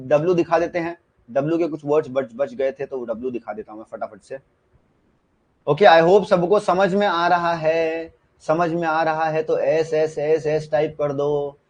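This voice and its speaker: A man teaches a live online shorthand class, his voice sitting somewhat high. He talks in a loose, chatty way, repeating himself and asking students whether they follow. The sound is dull and lo-fi. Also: a little mellow.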